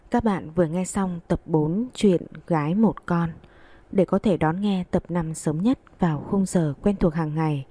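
A woman reading a serialized romance story aloud in the first person, in a calm, even voice. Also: on the low side, dry recording.

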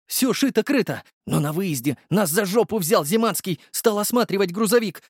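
A man voicing a jittery, cautious young male driver who haggles excitedly. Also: sits high, moderate pace, breathy edge, no room sound, clean studio sound, voice pushed up. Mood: agitated.

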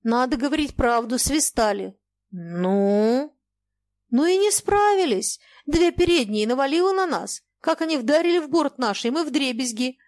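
A woman's voice: high-pitched, animated, unhurried, a little mellow, no echo, voice pushed up. A woman voicing a guilt-ridden river captain who speaks in a deferential, plodding folksy way. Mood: apologetic account. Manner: deferential, plodding, apologetic common speech.

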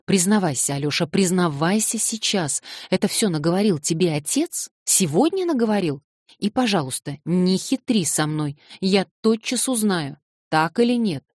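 A woman's voice: lowish voice, lively intonation, moderate pace, a little mellow, dry recording, studio quality. A woman voicing an indignant young woman who reproaches sharply, in an audiobook.

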